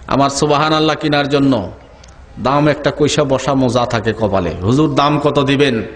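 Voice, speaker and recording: A man voicing a humble, poor male farmer who pleads in a low, muttering voice, with long hall echo. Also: normal speed, close to an everyday voice. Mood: scheming. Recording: echoey hall with long reverb.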